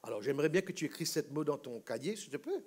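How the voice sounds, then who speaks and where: A man's voice: on the high side, big pitch swings, quick pace, a little mellow, slightly rough. A man preaching a sermon in a church, teaching word by word and having the congregation repeat after him in call-and-response. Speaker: pastor.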